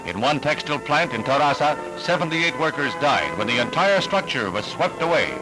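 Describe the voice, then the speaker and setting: Music runs beneath this vintage newsreel soundtrack as an American announcer reads 1960s narration from a script, formal and emphatic. He has a slightly high voice, very animated, at a fairly quick pace, and the recording is low quality.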